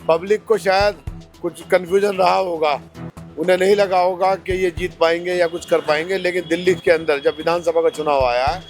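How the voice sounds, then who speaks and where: A man's voice: high-pitched, steady tone, a little fast, faint music behind. A male politician answering interview questions, arguing his party's case with rhetorical questions. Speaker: politician, candidate.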